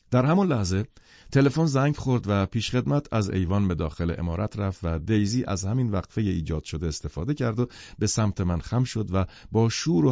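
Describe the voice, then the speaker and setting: A man reading an audiobook novel in an expressive storytelling manner. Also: fairly low pitch, gravelly, dry recording. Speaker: audiobook narrator. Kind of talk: scripted audiobook narration. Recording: dull, dry lo-fi studio recording.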